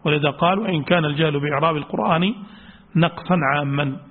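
A man's voice: a little high, fast. A man giving a religious studies lecture on Quran exegesis, explaining a text, repeating key points and reading quotes aloud. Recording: tinny lo-fi lecture recording with long hall reverb.

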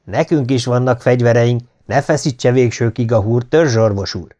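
A man reading an audiobook voices a blunt, defiant sergeant of the legion in a raised, forceful voice. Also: medium pitch, lightly acted. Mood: furious. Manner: blunt, grim and confrontational.

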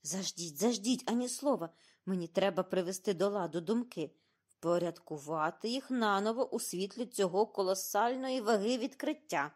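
A woman reading an audiobook and voicing an excitable, fussy middle-aged male detective who speaks theatrically and in exclamations. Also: medium pitch, moderate pace, lightly acted. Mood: agitated.

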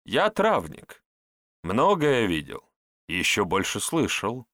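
A man voicing a nervous, evasive male herbalist who is secretly a disguised priest, speaking in hurried, flustered replies. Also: fairly low pitch, huge pitch swings, a bit bright, no echo, clean studio sound, exaggerated voice. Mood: eager.

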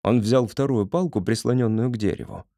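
A man narrating an audiobook with expressive storytelling. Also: medium pitch, fairly quick, vocal fry, no echo, clean studio sound.

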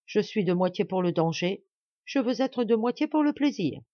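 A woman reading a novel aloud, voicing a bitter, scheming older aunt who talks slowly and threateningly. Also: mid-range voice, expressive, dry recording, muffled recording, lightly acted. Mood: menacing. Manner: slow, menacing, resentful.

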